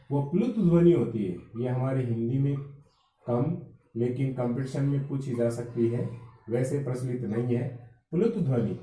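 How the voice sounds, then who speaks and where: A man teaching Hindi grammar for exam preparation, explaining slowly and drawing out vowel sounds. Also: on the high side, mellow, distant mic. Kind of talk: exam-prep lecture. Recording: echoey room, voice from off-mic.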